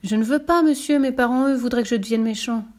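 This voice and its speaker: A woman's voice: fairly high pitch, fast, darkish tone, pitched above the performer's own voice, lightly acted. A woman voicing a timid, polite little male devil who talks meekly and eagerly. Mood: earnest. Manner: meek, pleading, eager to please.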